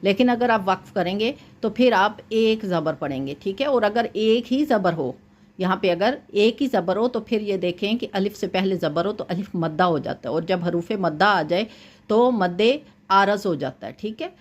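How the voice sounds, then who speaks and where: A woman teaching Quran recitation rules, explaining each point patiently and chanting verses slowly to demonstrate. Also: medium pitch, animated. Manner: often checks in with "thik hai". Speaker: tajweed teacher. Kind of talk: Quran recitation lesson with corrections.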